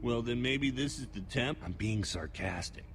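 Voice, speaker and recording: A brash, wisecracking young adventurer. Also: male voice, mid-range voice, animated, moderate pace, creaky, noisy background. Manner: sarcastic, wisecracking. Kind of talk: video game voice acting.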